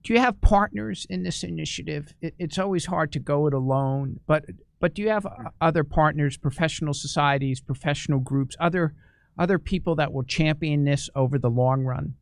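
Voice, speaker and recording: Measured male interview host, smooth dry voice. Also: a little high, no room sound. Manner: measured, halting, with repeated restarts. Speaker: interview host, journal editor. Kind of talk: interview hosting.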